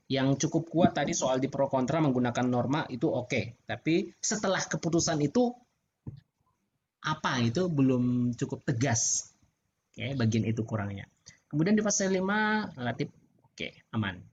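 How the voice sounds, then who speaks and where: Man lecturer giving relaxed online feedback. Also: on the high side. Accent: Indonesian. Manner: relaxed, chatty, laughs often. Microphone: video call. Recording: muffled video-call audio with faint background noise.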